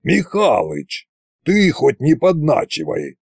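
A man voicing a gruff, commanding old undead tsar in an audiobook, speaking slowly in a gravelly, husky voice. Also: a little high, huge pitch swings, dry recording, clean studio sound, exaggerated voice. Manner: slow, drawling delivery. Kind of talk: audiobook character voice.

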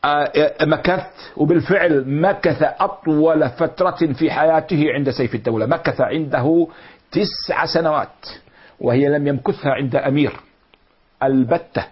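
A middle-aged man teaching a lecture on classical poetry, explaining slowly and repeating and glossing words. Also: fairly high pitch, husky. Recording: dull lo-fi recording.

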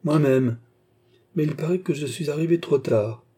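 A man's voice: on the high side, normal speed, mellow, husky, voice pushed up. A man voicing an impatient young nobleman who speaks with sulky, restrained anger. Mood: sullen.

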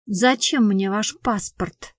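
A woman voicing a lazy, gruff male traffic cop who speaks curtly and grumbles. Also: sits high, animated, measured pace, no echo, clean studio sound. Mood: grumbling. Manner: curt, grumbling.

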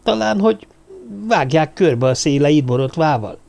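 A man's voice: a little high, lively intonation, creaky, a little mellow, pitched above the performer's own voice. Man putting on a timid young woman. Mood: frightened. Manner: timid, stammering. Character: young frightened woman assistant, tearful.

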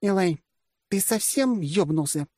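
A man's voice: high-pitched, lively intonation, moderate pace, warm tone, no room sound, clean studio sound, pitched above the performer's own voice. A man reading an audiobook, voicing a blunt, sarcastic older female generalissimo. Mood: outraged.

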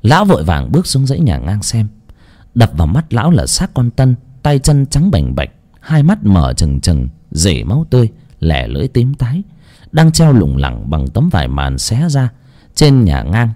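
A man narrating a dark folk story in a dramatic, animated way. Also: lowish voice, normal speed.

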